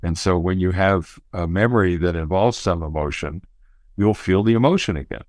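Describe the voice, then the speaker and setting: Deep-voiced guy, expert guest explaining stuff thoughtfully and chatty, very dry recording. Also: moderate pace, darkish tone, no echo. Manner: thoughtful, explanatory, often says you know. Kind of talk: conversational explanation.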